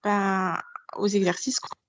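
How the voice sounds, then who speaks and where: A woman's voice: mid-range voice, level tone, slow pace, a little hiss or hum. A young woman, a nursing student, talking hesitantly with many fillers over a video call, her phone set on speaker and held away. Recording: dull lo-fi call audio.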